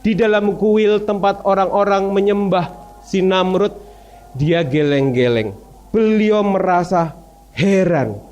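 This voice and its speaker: A man telling a religious story to children in an animated, playful way, often asking them questions. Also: high-pitched, slow, muffled recording.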